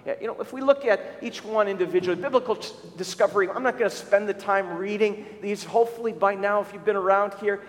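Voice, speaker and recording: High-voiced pastor in an echoing church. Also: male voice. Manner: conversational, frequent restarts and repeated words. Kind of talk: sermon with church updates. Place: church sanctuary. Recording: long church reverb.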